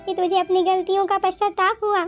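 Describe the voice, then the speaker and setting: A woman voicing a meek, loving older mother-in-law in a cartoon, gentle and forgiving. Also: very high voice, level tone, fairly quick. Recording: slightly dull, music behind.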